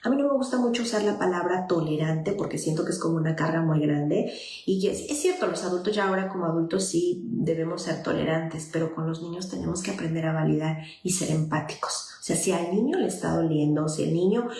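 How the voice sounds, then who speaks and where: Lady therapist talking to parents, patient and gentle, bit of room echo. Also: lowish voice, a little fast. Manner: explains patiently, acts out gentle parent-child dialogues. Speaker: child psychologist giving parenting guidance. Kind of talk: informal live talk to parents.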